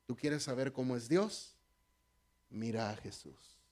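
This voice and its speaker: A man preaching a conversational sermon as pastor, animated and joking, talking straight to the congregation. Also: mid-range voice, unhurried.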